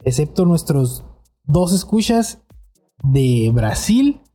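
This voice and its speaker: A man's voice: fairly high pitch, sing-song, takes it slowly, dark tone, soft background music. A young man with a Mexican accent hosting a casual podcast, joking and teasing his friends. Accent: Mexican Spanish. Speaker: podcast host.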